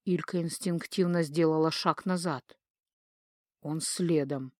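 A woman narrating an audiobook in an expressive storytelling manner on a close studio mic. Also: deep voice, slow pace, no room sound. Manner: expressive, lively storytelling intonation. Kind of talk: scripted narration.

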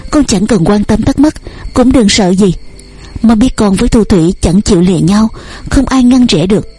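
A woman's voice: medium pitch, moderate pace, mellow, husky, close to an everyday voice. A woman voicing a worried middle-aged mother who soothes and questions her daughter. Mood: anxious. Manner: soothing, urgent.

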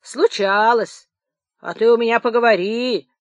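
A woman voicing a gruff old-soldier watchman who grumbles to himself. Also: a little high, unhurried, no echo, dull audio, voice pushed up, natural voice. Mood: grumbling.

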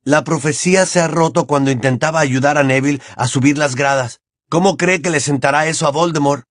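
A man voicing a defiant teenage boy wizard in an audiobook, shouting and taunting. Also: a little high, measured pace, dry recording, studio quality, pitched above the performer's own voice, lightly acted. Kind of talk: audiobook character voice.

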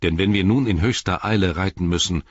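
A man reading the lines of an old king, grave and commanding, measured in his speech, in a dull lo-fi audiobook recording. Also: low voice, breathy edge, dry recording.

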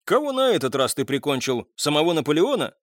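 A man voicing an excited young male English lieutenant who shouts with wild delight, in an audiobook reading. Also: on the high side, fast talker, dry recording, clean studio sound. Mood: cheering. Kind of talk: audiobook character voice.

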